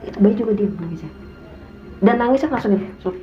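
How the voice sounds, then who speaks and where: A woman's voice: medium pitch, fast talker. A young woman with a Jakarta slang accent, telling a story as a guest in casual talk and acting out quotes. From Indonesia. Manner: animated, acts out quotes in a raised voice. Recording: echoey room, dull sound, faint hum.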